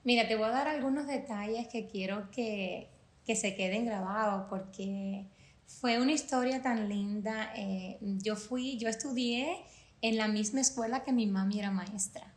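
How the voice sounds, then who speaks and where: A woman's voice: medium pitch, a little slow, echoey room. A Cuban woman in her forties with a Cuban Spanish accent, earnestly telling her life story as a podcast guest. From Cuba. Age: 40s. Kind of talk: personal testimony in a podcast interview.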